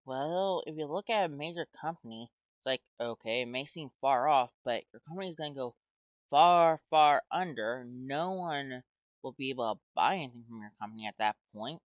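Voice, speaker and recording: A man's voice: medium pitch, animated, brisk, no echo. American guy rambling on casually, lots of wells and likes, kinda dull dry mic. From United States. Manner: rambling, hesitant, full of "well" and "like". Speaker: YouTuber playing a game.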